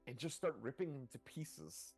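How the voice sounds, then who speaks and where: A man's voice: fairly high pitch, normal speed, creaky, a little mellow, slightly rough, faint music behind. A man narrating and ruling as dungeon master in a tabletop game, talking loosely with lots of filler words. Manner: loose, rambling narration full of "like".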